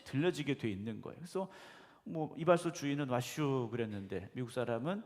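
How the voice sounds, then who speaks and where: A male pastor preaching a conversational sermon, often putting questions to the congregation and affirming with a quick "yes.". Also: medium pitch, animated, darkish tone. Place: church sanctuary. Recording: echoey church hall.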